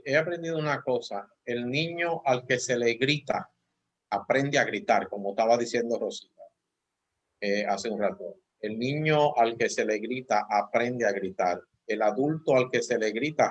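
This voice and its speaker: A man, a pastor on a church talk show, calmly discussing parenting with personal anecdotes. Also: medium pitch, a little slow, highs cut off.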